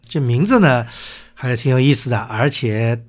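A man's voice: medium pitch, expressive, moderate pace. Man steering a casual chat. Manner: leads the talk, often checking in with "right?". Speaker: co-host.

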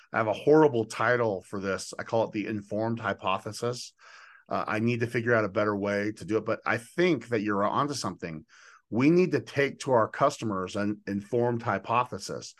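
This podcast host, who also works as a leadership coach, has a lowish, fairly bright voice. While hosting a conversational interview, he sets out his ideas in an emphatic, affirming, enthusiastic manner.

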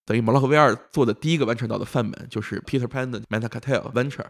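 Guy on a podcast explaining stuff casually, really quick talker, emphatic, medium pitch. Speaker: knowledgeable podcast speaker.

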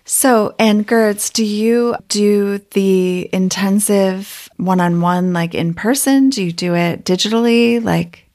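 A woman's voice: medium pitch, steady tone, takes it slowly, hardly any pauses, a little mellow. Chatty American woman hosting a podcast. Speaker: podcast host. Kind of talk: casual interview chat.

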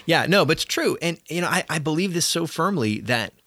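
A man's voice: a little high, animated, fairly quick, pushed and bright, no room sound. A man co-hosting a podcast in casual chat, talking earnestly and emphatically in long run-on strings of points. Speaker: podcast co-host.

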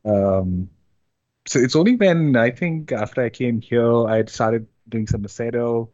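A young man from India, chatting casually as an interview guest, relaxed and hesitant with many fillers. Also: medium pitch, unhurried, no room sound, dull audio. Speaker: interview guest, amateur drifter.

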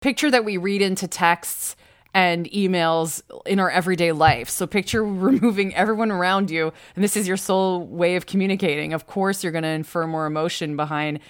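A woman's voice: on the low side, fairly quick, no room sound, studio quality. A woman co-hosting a casual chat, opinionated and playful. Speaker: podcast co-host.

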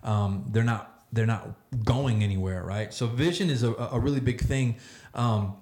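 A man hosting a casual round-table discussion, speaking haltingly and often repeating words as he works toward his point. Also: medium pitch, a little mellow. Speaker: podcast host and church leader. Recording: roomy, echoey sound.

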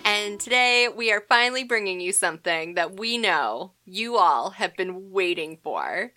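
A woman's voice: mid-range voice, lively intonation, unhurried, bright, forceful tone, faint music behind. A young adult woman co-hosting a podcast, chatting casually with a dry, playfully exaggerated manner. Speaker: podcast co-host. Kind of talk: casual sarcastic chat.

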